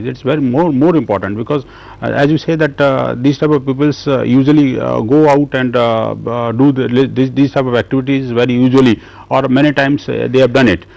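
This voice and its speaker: A man with an Indian accent speaking as a debate guest, halting and repeating himself as he avoids direct answers. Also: medium pitch, vocal fry, a little mellow, muffled recording. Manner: halting, repetitive, evasive. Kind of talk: live news debate.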